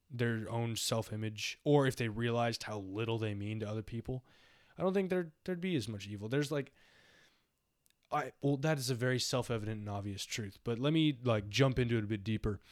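A man's voice: medium pitch, a little fast, darkish tone, no room sound, clean studio sound. Rambling young man musing philosophically. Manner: rambling, reflective, heavy use of "like". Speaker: podcast co-host. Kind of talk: casual philosophical chat.

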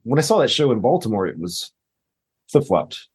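A man's voice: medium pitch, sing-song, moderate pace, slightly rough. A middle-aged man co-hosting a podcast in casual chat, blunt and sarcastic. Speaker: podcast co-host.

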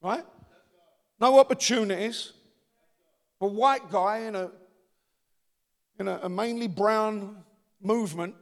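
Speaking slowly in a high voice with long pauses, an East End pastor with a Cockney accent rouses his church congregation and invites them to call back. Long reverb fills the space.

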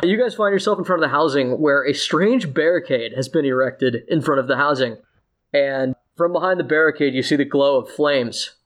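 A man's voice: fairly high pitch, brisk, a bit bright. A man narrating an improvised tabletop fantasy game as game master, descriptive and feeling his way through scenes.

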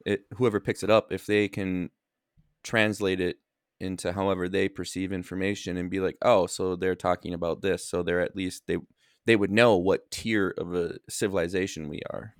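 Male podcast co-host, very deep dry voice, halting and self-correcting, has hiccups. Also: flat delivery, no room sound. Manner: halting, restarts and self-corrections, reads search results aloud. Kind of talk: casual chat.

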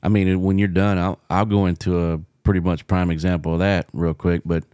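A man's voice: sits low, level tone, brisk, a little mellow, no echo, clean studio sound. A man co-hosting a paranormal podcast, chatting in a folksy, conversational way and often repeating words. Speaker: podcast co-host, paranormal investigator. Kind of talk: casual chat.

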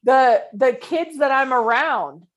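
A woman's voice: high voice, animated, slow. Swearing, ranting woman from California. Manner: swears freely, rants and tells stories. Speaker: podcast co-host. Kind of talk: casual podcast chat.

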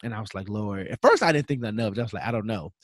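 A man's voice: fairly low pitch, animated, very fast, no room sound, studio quality. A man, telling stories casually as a podcast co-host and animatedly acting out dialogue.

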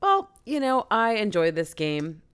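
A woman co-hosting a casual board game podcast, speaking in a measured, wry way with precise word choice. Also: mid-range voice, huge pitch swings, fairly bright tone, clean tone. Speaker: podcast co-host.

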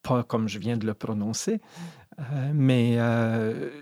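A middle-aged Acadian man with a Brayon accent talks in a measured, reflective way, pausing often on "euh". His voice has a gravelly edge at a medium pitch. The sound is dry and close. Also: darkish tone, dry recording. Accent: Acadian French, Brayon (Madawaska). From Madawaska, New Brunswick, Canada. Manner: thoughtful, measured, with frequent "euh". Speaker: poet guest. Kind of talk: reflective podcast conversation.

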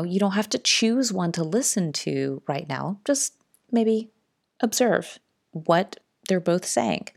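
Slow, gravelly-voiced woman speaking softly. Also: fairly low pitch. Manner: soft-spoken, drops to hushed whispers. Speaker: spiritual podcast host. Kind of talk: casual spiritual monologue.

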